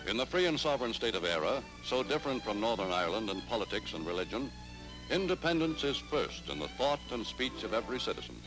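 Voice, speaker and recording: A man's voice: medium pitch, big pitch swings, fast talker, loud music behind the voice, poor audio. A man giving formal, declamatory documentary narration on an old newsreel soundtrack. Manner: formal, declamatory announcer delivery.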